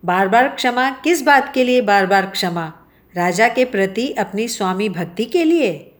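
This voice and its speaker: A woman voicing a kind, gracious male king in a children's story, speaking gently and reassuringly. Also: medium pitch, animated, a little slow, close to an everyday voice.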